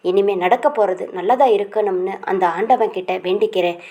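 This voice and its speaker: A woman reading as a calm, gracious young man. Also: mid-range voice, fairly quick, close to an everyday voice. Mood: gentle calm. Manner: gentle, composed.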